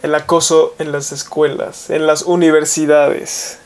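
A young man with a Mexican Spanish accent and a level, darkish voice on the high side chats casually. He talks in rapid bursts, full of slang, and swears freely.

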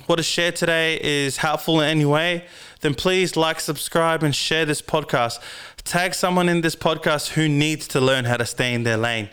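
A man's voice: a little high, fairly bright tone, clean tone. A man with a broad New Zealand accent hosting a podcast, giving casual, slangy, sweary advice on his own. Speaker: podcast host.

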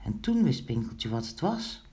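A woman reading a children's story aloud, animated and playing with sound words. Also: very deep voice, normal speed.

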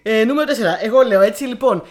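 A woman's voice: fairly high pitch, animated, darkish tone. A woman co-hosting a podcast, chatting enthusiastically about films. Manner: chatty, enthusiastic, laughs easily. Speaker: podcast co-host. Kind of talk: casual chat about films.

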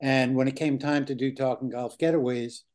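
An older man co-hosting a podcast, his voice at a middling pitch. He talks in an earnest, reflective way, pausing on fillers as he works through his thoughts. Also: fairly even intonation, darkish tone. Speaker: podcast co-host. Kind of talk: casual chat.

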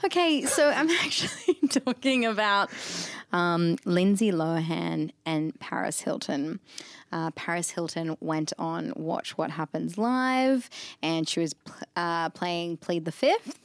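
A woman's voice: fairly low pitch, takes it slowly, dry recording. A woman from northern New South Wales with an Australian accent, co-hosting a casual chat and rambling with lots of ums and restarts. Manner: chatty, self-mocking, many ums and restarts. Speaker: podcast co-host.

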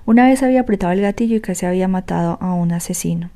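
A woman narrating an audiobook in a steady, measured way. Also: fairly low pitch. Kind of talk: scripted narration.

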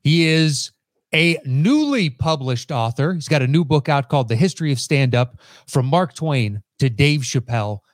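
A man's voice: mid-range voice, expressive, normal speed, dry recording, clean studio sound. A man hosting a casual podcast, introducing guests in an easygoing way with plenty of fillers. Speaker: podcast host.

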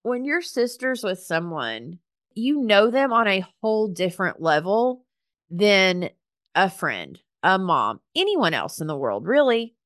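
A woman hosting a solo podcast, talking to her listeners like friends in an earnest, heartfelt way. She chats casually, with plenty of "like" fillers and warm encouragement. Her voice sits at a middle pitch and is recorded dry and close. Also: sing-song, a little slow, dry recording. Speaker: podcast host and business coach for professional organizers.

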